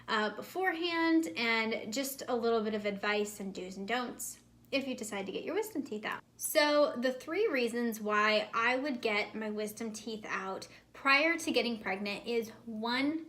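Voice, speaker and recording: A young American woman hosts a pregnancy-prep vlog, chatting casually to camera and giving advice with emphatic repetition. A swollen mouth slightly impedes her speech, and her voice is fairly high and a bit bright.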